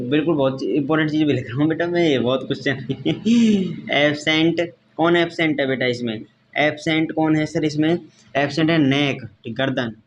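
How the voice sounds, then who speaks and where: Slightly high in pitch, this man's voice comes through dull audio with a bit of background noise. It's a classroom science lesson at the whiteboard, full of repetition, the word "beta" for his students, and frequent questions to confirm they understand.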